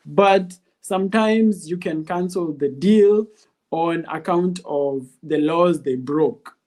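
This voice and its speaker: Higher-voiced Kenyan man explaining his points. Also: slow pace, darkish tone. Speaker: interview guest. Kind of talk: interview answers explaining legal arguments.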